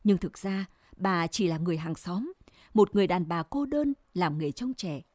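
Woman reading a sad story, mellow tone. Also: fairly low pitch, lively intonation, moderate pace, no room sound, clean studio sound. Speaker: narrator. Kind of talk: scripted first-person story narration.

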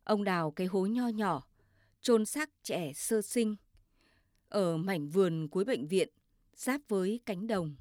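A woman narrating a story in a measured, steady reading. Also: mid-range voice, no room sound, clean studio sound.

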